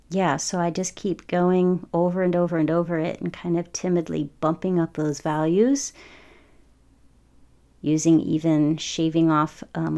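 A woman's voice: sits low, creaky, dark tone. A woman in her forties chatting casually over her painting process, rambling with frequent ums. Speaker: watercolor artist.

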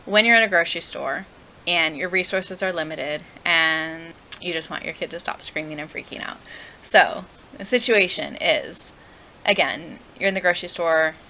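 A woman's voice: sits low, moderate pace, creaky, bright, forceful tone, a little hiss or hum, poor audio. A young woman teaching parents how to handle toddler tantrums, earnest and conversational, often asking the viewer questions. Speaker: parenting educator. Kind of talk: direct-to-camera parenting advice.

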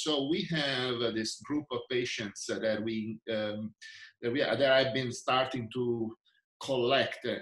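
An Italian researcher and physician in his sixties answers interview questions over a video call from an indoor room, speaking with an Italian accent and plenty of fillers and restarts. His voice is fairly low and fairly bright, but the audio is poor and reverberant.

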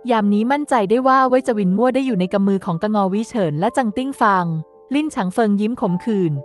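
A woman narrating a translated historical novel in a steady, even reading voice. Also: fairly high pitch, fast. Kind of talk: scripted narration. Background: faint background music.

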